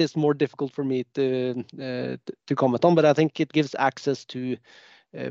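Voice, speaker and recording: Gravelly, even-toned man answering on a panel. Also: mid-range voice, no room sound. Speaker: company executive, panelist. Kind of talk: unscripted panel discussion. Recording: dull, dry lo-fi sound.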